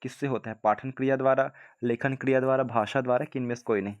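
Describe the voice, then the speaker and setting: A man's voice: medium pitch, fairly even intonation, quick pace, clean tone, highs cut off. Man, teacher, casual exam-prep lesson, reads questions aloud, keeps checking in viewers. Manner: repeats checks like "ठीक है ना", addresses viewers as friends. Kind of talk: casual spoken lesson, reading quiz questions.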